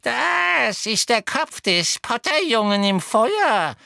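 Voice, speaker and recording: Creaky, gloating old house-elf. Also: male voice, extremely high pitch, big pitch swings, bright, forceful tone, dry recording, clean studio sound, voice pushed up, heavily acted. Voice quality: hoarse, cackling. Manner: slow, gloating, talks of himself in third person. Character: gleeful, spiteful, servile old male house-elf.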